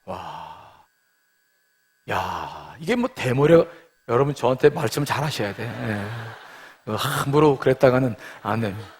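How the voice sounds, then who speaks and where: A man's voice: mid-range voice, expressive, a little slow, slightly rough. A middle-aged male pastor giving a sermon in a conversational style that swells into emphatic passages.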